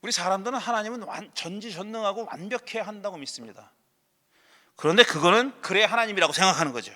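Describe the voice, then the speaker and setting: Male pastor, middle-aged, high and bright, conversational sermon with sharp asides, long church reverb. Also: lively intonation, fast. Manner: conversational preaching with rhetorical questions and sharp dismissive asides. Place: church sanctuary.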